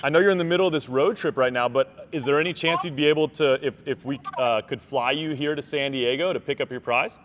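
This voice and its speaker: A man's voice: medium pitch, fast talker, few pauses, fairly bright tone, a little hiss or hum. A man hosting a live phone call to tell a winner about her prize, talking in an upbeat, enthusiastic way. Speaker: host calling a prize winner.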